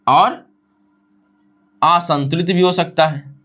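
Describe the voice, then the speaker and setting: A man with a high voice teaches a science lesson. He asks the class a question and answers it himself, then repeats each definition word by word, slowly, so the class can write it down. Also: fairly even intonation, pushed and bright. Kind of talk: classroom lecture.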